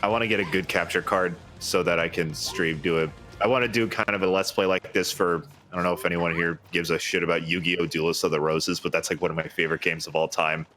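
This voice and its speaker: Male gamer, very low but forceful voice, blunt enthusiastic sweary chat, faint music behind. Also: steady tone, quick pace, few pauses. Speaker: co-commentator on a game stream. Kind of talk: casual chat about games.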